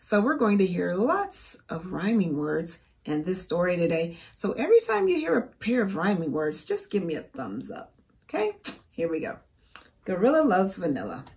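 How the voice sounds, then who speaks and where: A woman in her forties reading a storybook aloud to young children as a teacher, expressive and careful. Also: on the low side, normal speed, creaky. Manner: expressive, careful, asks the listener questions.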